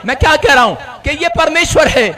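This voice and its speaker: A man preaching a sermon as pastor, swinging from loud shouts to hushed storytelling, with a congregation around him. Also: extremely high pitch, lively intonation, normal speed, some chatter behind.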